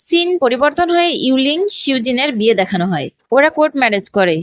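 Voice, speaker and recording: A woman narrating a recap of a drama in a steady, even reading voice. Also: high voice, fairly quick, no echo, studio quality. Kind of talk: scripted story recap narration.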